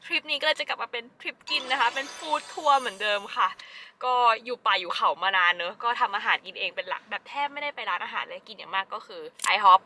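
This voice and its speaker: A woman's voice: on the high side, animated, fast talker, hardly any pauses, bright, forceful tone, a little hiss or hum. A woman hosting a travel vlog, talking chattily and politely straight to her viewers. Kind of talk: casual travel vlog narration. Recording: music playing under the voice.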